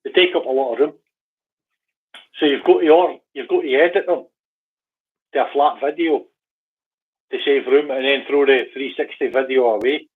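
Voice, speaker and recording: A man's voice: medium pitch, normal speed, pauses often. A man from Glasgow chatting easygoing over a call as a guest, hesitant and full of fillers. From Glasgow, Scotland. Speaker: guest biker. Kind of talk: casual chat over a call. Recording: tinny phone-like call line.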